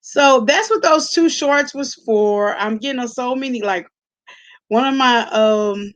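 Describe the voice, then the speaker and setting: A woman speaks a little slowly in a slightly high voice with a fairly bright tone. She hosts an online commentary channel, and the clip is a casual, gossipy reaction vlog loaded with salty slang and check-ins with the listener.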